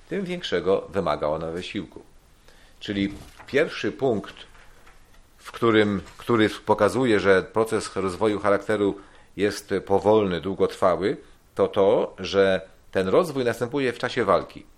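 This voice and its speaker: A man giving a measured sermon-style Bible teaching, explaining verses slowly and repeating key points. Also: low voice, animated. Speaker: preacher.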